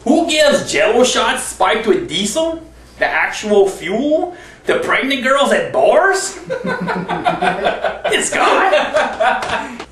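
Boisterous young man, high-pitched and swinging. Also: very animated, slow, a bit bright. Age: young adult. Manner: brash, boisterous, exaggerated. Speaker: comedy sketch performer. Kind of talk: shouted call-and-response joke delivery. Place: bare indoor room, standing group. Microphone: camera mic a few metres away. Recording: roomy, noisy camera audio from a distance.

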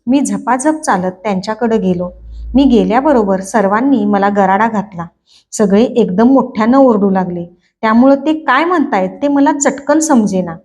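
Woman reading a novel out loud, clear and expressive, kinda high voice. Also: moderate pace. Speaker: book reader. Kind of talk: audiobook narration of a novel.

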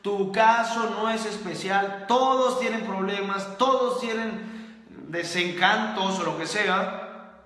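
Male motivational host, blunt and forceful, high-pitched, recorded in a roomy space with a long echo. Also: takes it slowly. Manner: forceful, blunt, repeats key phrases. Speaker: self-help video host. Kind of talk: motivational live-stream talk. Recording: very echoey room with long reverb.

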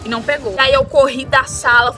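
Chatty woman telling stories, high voice. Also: fast talker. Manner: animated, chatty, acts out quoted lines. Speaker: TikTok storyteller. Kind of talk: casual storytime over slime video. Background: background music.

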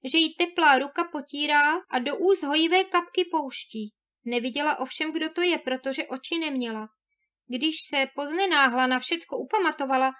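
A woman narrating a classic fairy tale in a clear, measured reading. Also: high-pitched, fairly bright tone.

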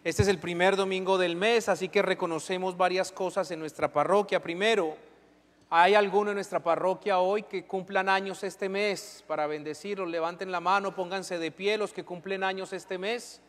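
A priest with a high, light voice addresses his congregation in a large church sanctuary. He moves between formal prayers and brisk, friendly announcements and blessings. Long reverb trails every phrase. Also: fairly even intonation, fairly bright tone. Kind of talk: leading Mass and giving announcements. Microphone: far camera.

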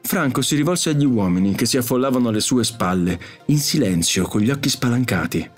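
Animated male audiobook narrator. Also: mid-range voice, fairly quick. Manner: expressive, animated reading. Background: faint music.

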